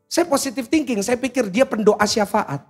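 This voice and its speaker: A male pastor with a very high, husky voice delivers a humorous storytelling sermon to a large church congregation, addressing the listeners directly. He speaks at a normal pace with soft music in the background.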